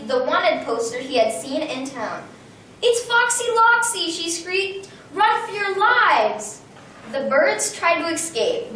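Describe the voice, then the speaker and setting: Woman reading a kids' storybook out loud, high voice, super echoey room w a faint rumble. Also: distant mic. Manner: lively read-aloud with small slips. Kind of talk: reading a picture book aloud.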